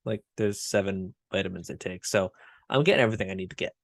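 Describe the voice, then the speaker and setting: A man's voice: sits low, quick pace, creaky, no echo, clean studio sound. A man co-hosting a casual podcast, blunt and self-mocking, swearing easily. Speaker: podcast co-host. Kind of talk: casual chat.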